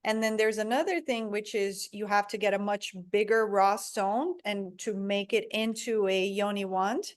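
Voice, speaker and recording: Brazil-born woman, interview guest, earnest, halting with fillers. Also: mid-range voice, steady tone. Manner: earnest, searching for words, many fillers. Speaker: guest, product founder. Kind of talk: conversational interview.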